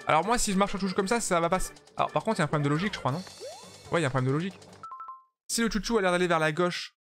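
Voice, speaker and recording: A man's voice: sits high, expressive, racing, a bit bright, faint music behind. A tired man chatting casually with his viewers while streaming a game, joking and swearing freely. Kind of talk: casual live-stream commentary while playing.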